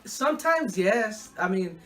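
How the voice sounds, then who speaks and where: A young man from Mexico answering interview questions in a casual, halting way, often repeating words while he thinks. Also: high-pitched, sing-song, bright, forceful tone.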